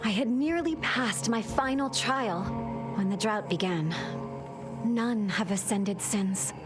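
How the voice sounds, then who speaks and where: A solemn, formal young angelic aspirant in a video game. Her fairly high voice has a too-smooth, android-like processed gloss. Music plays loudly under every line. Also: slow.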